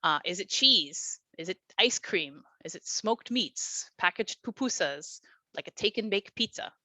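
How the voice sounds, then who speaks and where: Over a video call, this class instructor encourages her online students in a conversational style with lots of filler words. She speaks unhurriedly and expressively in a fairly low-pitched, sharp-toned voice, with no echo.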